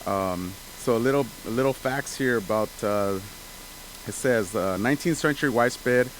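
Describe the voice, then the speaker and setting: A man's voice: fairly low pitch, unhurried, poor audio. A man hosting a casual chat, rambling loosely with lots of fillers and restarts. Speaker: channel host. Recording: hissy background noise.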